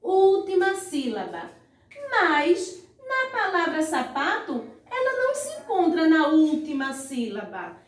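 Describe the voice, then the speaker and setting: A woman's voice: extremely high pitch, wildly swooping pitch, distant mic. A woman teaching a primary school lesson online, often prompting pupils with little calls to look and stretching out words syllable by syllable. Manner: slow, stretched-out syllables when saying words; frequent "ó" and "vejam só" prompts to pupils. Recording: echoey room, voice away from the mic.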